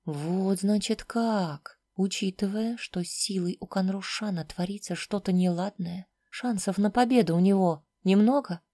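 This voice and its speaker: A woman narrates a first-person fantasy story in a soft, intimate voice that at times sinks to near a whisper. Her tone is dark and mellow, sitting at an ordinary middle pitch. The recording is dry and close, like a studio audiobook. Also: measured pace, few pauses, dry recording.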